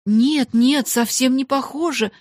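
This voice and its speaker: A woman's voice: mid-range voice, sing-song, a little slow, slightly rough, no echo, clean studio sound, heavily acted. A woman voicing a kind, timid young schoolgirl who speaks anxiously in a storybook reading.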